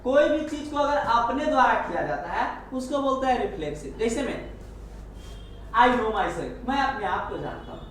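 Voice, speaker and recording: A man teaching an English grammar lesson, explaining step by step and repeating each example slowly. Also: very high-pitched, expressive, a bit bright. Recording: echoey room, far from the mic, faint hiss.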